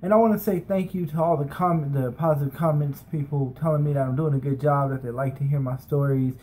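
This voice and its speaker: An American man in his thirties, from San Francisco and Las Vegas, tells personal stories in a casual, rambling way, like a vlogger talking to a camera. He sits in a small bedroom with a webcam or camera at desk distance. His voice is a little high and a little fast with a dark tone and fairly even intonation, and the recording quality is low.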